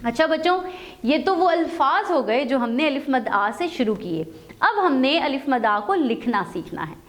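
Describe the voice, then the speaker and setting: Woman teacher with an Urdu-speaking Pakistani accent for a children's lesson; high, animated voice, patient and questioning. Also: normal speed.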